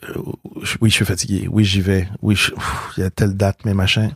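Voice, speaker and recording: A middle-aged man with a Québécois accent chats casually as an interview guest, spinning anecdotes and slipping into the voices of the people he quotes. His voice sits on the low side and he often restarts and repeats words mid-sentence. The recording is close and dry. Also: flat delivery, a little fast, gravelly, a bit bright, breathy edge, no room sound. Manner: storytelling, acts out quoted dialogue. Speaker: guest, comedian.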